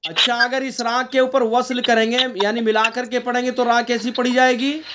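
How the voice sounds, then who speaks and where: Over an online class connection with background noise, a man with a very high, flat-sounding voice teaches Quran recitation. He questions his students, explains every rule one step at a time, and chants slowly between explanations.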